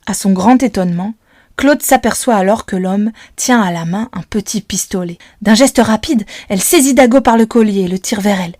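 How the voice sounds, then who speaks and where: A woman narrating a children's audiobook in a calm, soft voice. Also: mid-range voice, moderate pace, no room sound, clean studio sound. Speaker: audiobook reader.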